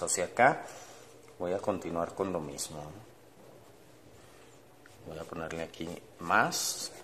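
Low-voiced male art teacher, demonstrates step by step while painting; faint background hiss. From Mexico. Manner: explains step by step while painting, thinking aloud; often ends phrases with tag questions. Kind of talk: online art class demonstration.

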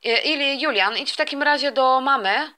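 A woman's voice: high voice, normal speed, bright, forceful tone. A woman voicing a caring, mildly scolding father in a toy story role-play. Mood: concerned. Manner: fatherly, lecturing.

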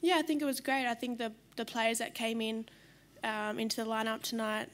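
A young Australian woman footballer answering reporters after a match, measured and full of fillers, into a desk mic in a press room. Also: fairly high pitch, level tone, a bit bright. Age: young adult. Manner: measured, many fillers, trailing off at ends. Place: press conference room in front of sponsor board. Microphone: desk microphone on stand.

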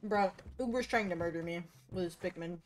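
A woman streaming a co-op game, chatting and teasing her friends with animated outbursts. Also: fairly low pitch, brisk. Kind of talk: casual gaming chat with friends.

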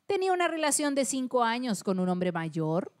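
A woman's voice: on the high side, big pitch swings, moderate pace. A Chilean woman co-hosting a comedy podcast, reading a listener's story aloud with lots of slang and laughter.

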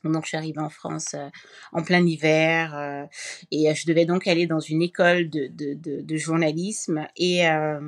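Woman guest from Cameroon, low-leaning voice, thoughtful and halting in relaxed interview talk. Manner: thoughtful, many hesitations and restarts. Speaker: podcast guest.

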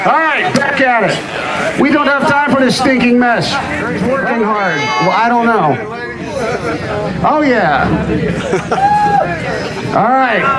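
A man doing loud, playful event commentary as a ringside announcer, with rowdy jokey patter. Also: very high voice. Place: outdoor bar event with crowd. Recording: loud outdoor crowd noise.

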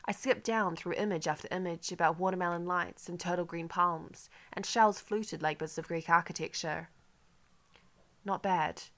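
A woman narrating a first-person literary audiobook in a measured, wry manner. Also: lowish voice, fairly even intonation, a bit bright.

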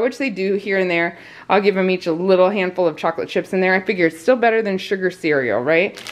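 A woman in her thirties from the United States, a mother of a large family who chats and laughs often while showing her grocery haul at home. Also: mid-range voice. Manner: chatty, laughs often, talks while handling items. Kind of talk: casual grocery haul vlog. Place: indoors at home, kitchen.

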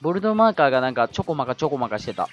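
A man giving live commentary over his own gameplay, excitable, yelling at tense moments and adding self-mocking asides. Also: medium pitch, racing, lo-fi sound, faint music behind.

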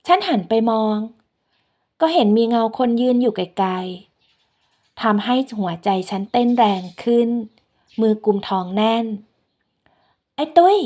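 A woman telling a first-person story in a gentle, unhurried way. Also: mid-range voice.

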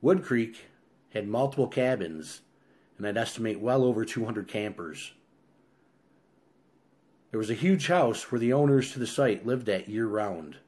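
A man narrating a first-person survival story in a low, steady telling, raising his voice on the shouted lines. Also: a little slow, long pauses.

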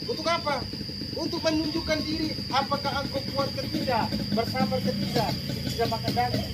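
Papuan Indonesian priest preaching over crickets. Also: male voice, very high-pitched. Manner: lively, asks the congregation questions. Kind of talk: sermon. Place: outdoor open-sided tent at night. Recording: loud insect noise from far off.

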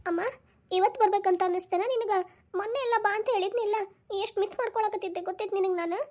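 A woman's voice: high voice, racing, a little mellow, lightly acted. A woman voicing a homesick, weepy young pregnant wife, in a Dharwad Kannada accent. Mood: tearful. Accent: North Karnataka (Dharwad) Kannada. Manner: weepy, plaintive.

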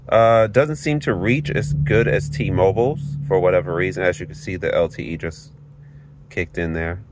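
Sitting low and a bit creaky, this Florida man's voice comes through a handheld phone camera with a little hiss or hum. Parked in his car, he casually runs network speed tests, reading results off the screen in a plain, explanatory manner.

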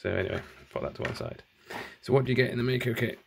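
Gravelly man chatting through an unboxing. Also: mid-range voice, rapid-fire, a little hiss or hum. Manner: chatty, thinking aloud, self-correcting. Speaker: channel host. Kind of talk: casual unboxing commentary. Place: at home indoors. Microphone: handheld phone camera, filming one-handed.

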